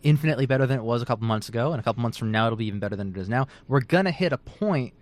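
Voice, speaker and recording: A man's voice: mid-range voice, animated, racing. Chatty man debating. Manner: chatty, lots of "like" and "you know", restarts. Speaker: author and debater. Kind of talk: casual debate.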